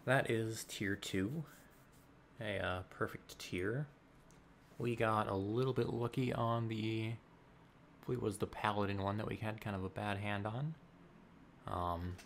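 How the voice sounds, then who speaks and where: Male gameplay commentator, low and fry-heavy, dry sarcastic ramble, home desk mic with noticeable hiss. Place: home room.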